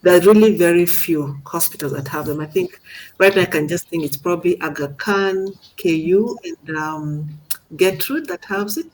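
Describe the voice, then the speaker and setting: In poor audio, a middle-aged woman with a lowish voice speaks at a moderate pace while teaching radiology in an informal seminar. As the instructor, she explains step by step and poses questions along the way.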